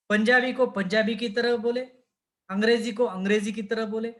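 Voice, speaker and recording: A man's voice: high-pitched, a bit bright. A man teaching a class on speaking skills, asking students questions and modeling pronunciations.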